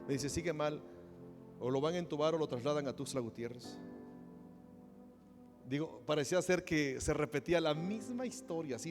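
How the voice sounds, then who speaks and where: A man from Mexico, a pastor delivering a sermon, who moves from a quiet personal story to loud, impassioned preaching. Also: a little high.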